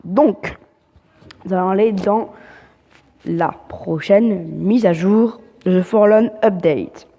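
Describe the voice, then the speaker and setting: A woman's voice: medium pitch, takes it slowly, gravelly, long reverb tail, muffled recording. A woman hosting casual game update commentary, hesitant and full of fillers and restarts, with a French accent when reading English. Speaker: gaming channel host.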